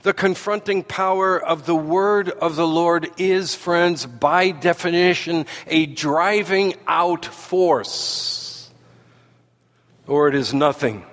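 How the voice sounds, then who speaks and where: Slow, deliberate preacher in a reverberant hall. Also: male voice, fairly high pitch, fairly bright tone. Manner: slow, deliberate preaching with dramatic pauses and quoted voices. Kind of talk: sermon.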